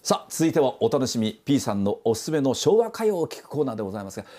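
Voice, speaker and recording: A male radio co-host plays the straight man in a casual chat. His pitch moves widely as he reacts. He gently scolds and steers his partner back on topic. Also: very animated, racing, music in the background.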